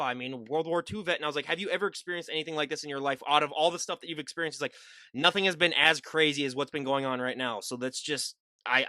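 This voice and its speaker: Young man, podcast host, fast casual talk, slightly high pitch, dry close sound. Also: pushed and bright, no room sound. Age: young adult. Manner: fast, emphatic, with repeated "I mean". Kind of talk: casual interview chat.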